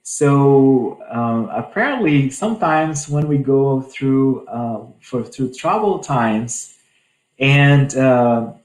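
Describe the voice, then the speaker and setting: A man's voice: mid-range voice, animated, slow, reverberant, rough recording. A man giving an earnest spiritual talk on a scripture passage, often restarting his phrases. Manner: earnest, repeats and restarts often, many fillers. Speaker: spiritist speaker.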